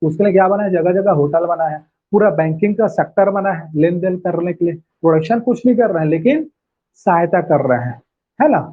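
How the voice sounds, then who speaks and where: Guy teaching a class, keeps asking and repeating stuff, husky voice, tinny lo-fi sound. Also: high voice, fairly quick. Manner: repeats key phrases and quizzes students with questions. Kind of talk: online class lecture. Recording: tinny lo-fi phone-like audio.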